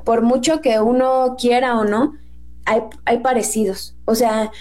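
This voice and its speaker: A Mexican woman with a Mexican Spanish accent and a fairly high voice talks through a Bible story in a casual, chatty way. She acts out the quotes she retells with a lifted voice. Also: flat delivery, a little slow, a little mellow.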